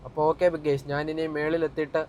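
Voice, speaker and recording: A man's voice: fairly high pitch, level tone, fast, a little mellow, dull audio, a little hiss or hum. A young Malayali man chatting casually to viewers in a driving vlog, mixing English words and slang into his speech. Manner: informal, repeatedly addressing viewers. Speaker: vlogger.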